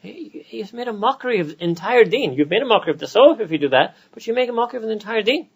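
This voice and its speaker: Man, American accent, religious lecture, chatty with joking asides, fairly high voice. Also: animated, breathy edge, highs cut off. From United States. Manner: conversational, with quick joking asides. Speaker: Islamic scholar giving a lecture.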